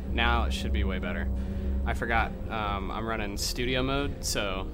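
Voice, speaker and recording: A man's voice: on the low side, normal speed, over loud music. A young man streaming a VR game, chatting casually and swearing with his viewers over a headset mic. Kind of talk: casual live-stream chat.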